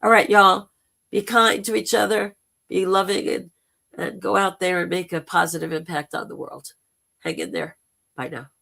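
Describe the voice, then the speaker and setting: Spiritual livestream host: very gravelly, hoarse voice, informal and gently encouraging delivery. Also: medium pitch, steady tone, normal speed. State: temporarily hoarse.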